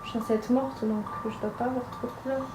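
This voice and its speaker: A young woman chats her way through a makeup tutorial at home, hesitant and full of little fillers. Her voice sits a touch high and rings around an echoey room, with music playing clearly behind her. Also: fairly even intonation, fast. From France. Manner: chatty, hesitant, with frequent fillers. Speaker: makeup vlogger. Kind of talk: casual makeup tutorial narration. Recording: roomy echo with music behind.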